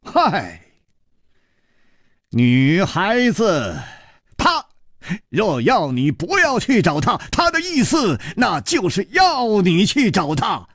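A man voicing a calm, worldly male swordsman hero who speaks slowly and sighs wryly. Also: no echo, studio quality, exaggerated voice. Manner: slow low-voiced sighing speech.

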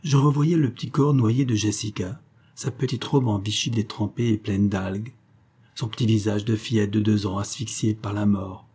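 A man reading a literary novel in the first person as an audiobook narrator, measured and reflective. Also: on the low side, fairly even intonation, warm tone, slightly rough.

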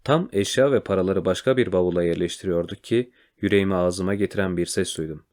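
A man reads a children's adventure story aloud in a quiet, measured way. His voice is very low and deep, and the telling stays calm and steady. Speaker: narrator. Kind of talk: storybook reading.

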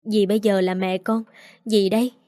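A woman reading the part of a caring young stepmother, gentle with a child and firm with adults. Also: mid-range voice, flat delivery, normal speed, no room sound, clean studio sound, close to an everyday voice. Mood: tender.

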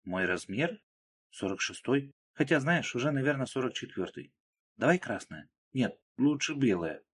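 Man voicing a young woman, breathy, raised pitch. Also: big pitch swings, normal speed. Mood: teasing. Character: young woman, playful then frightened.

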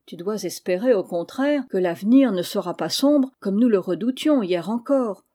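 A woman reading the part of a kind, steady uncle who calmly reassures and advises, in an audiobook of a classic novel. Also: medium pitch, normal speed, lightly acted. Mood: reassuring. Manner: calm, reassuring, gently firm. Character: kind, wise middle-aged uncle, a steady comforter.

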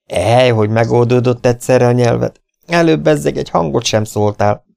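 A man voicing a quick-tongued, mocking young ranch hand in an audiobook. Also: mid-range voice, vocal fry, a little mellow, clear, resonant tone, voice pushed up, lightly acted.

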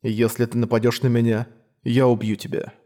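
A man voicing a cold, detached young male hunter who talks flat and emotionless. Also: medium pitch, a little fast, natural voice.

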